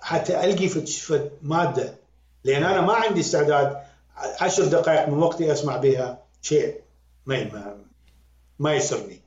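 An Iraqi man who talks quickly and animatedly, his voice sitting a little high. He speaks as a critic who repeats words for emphasis. The recording is roomy and echoey, with a dull, lo-fi sound. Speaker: music critic and guest. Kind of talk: conversational critique.

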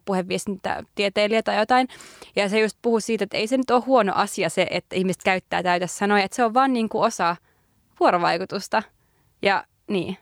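A woman's voice: mid-range voice, no echo. Reflective woman, dry close podcast mic. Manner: reflective, hedging with many fillers. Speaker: podcast co-host. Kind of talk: casual podcast conversation.

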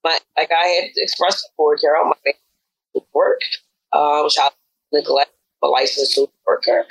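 A middle-aged woman answering interview questions over a video call, her mic clipping and distorting, speaking haltingly with many "um"s. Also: sits low, vocal fry, no room sound. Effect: clipping, distorted mic audio. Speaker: restaurant owner, guest.

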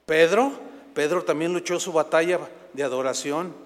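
A man from Mexico preaching a Sunday sermon as pastor, animated and acting out scenes from scripture in quoted voices. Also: on the high side, normal speed, in a large hall. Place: church sanctuary.

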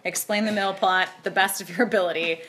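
A woman's voice: medium pitch, fairly even intonation, fast, a bit bright, a little hiss or hum. A woman co-hosting a podcast, chatting casually and animatedly with plenty of "like". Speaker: podcast co-host. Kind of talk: casual chat.

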